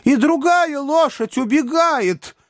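A man voicing a kindly, excitable elderly gentleman who cries out in high, drawn-out exclamations. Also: dry recording, clean studio sound, full character voice. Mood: alarmed. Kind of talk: audiobook character voice.

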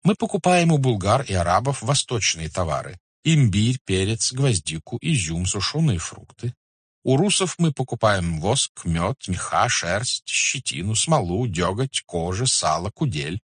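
A man's voice: fairly low pitch, very animated, a little slow, slightly rough, no echo, voice pushed up, heavily acted. A man voicing an obsequious older merchant elder who speaks in a flowery, deferential, pleading way, read as an audiobook character. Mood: servile.

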